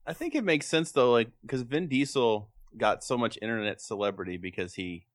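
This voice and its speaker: A man co-hosting a casual comedic chat, building absurd bits in a deadpan storytelling manner. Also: mid-range voice, moderate pace, dry recording. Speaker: podcast co-host.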